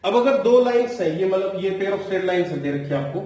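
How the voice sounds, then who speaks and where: एक पुरुष शिक्षक, ऊँची आवाज़ में, कक्षा को गणित के फ़ॉर्मूले समझाते हुए, हर कदम दोहराते हुए। आवाज़ बहुत गूंजती है और माइक से दूर लगती है।. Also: male voice, sits high, animated, a little mellow. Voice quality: explains step by step, repeats key phrases, slows down to dictate formulas. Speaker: math teacher. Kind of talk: classroom math lecture. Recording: very echoey room, voice from a distance.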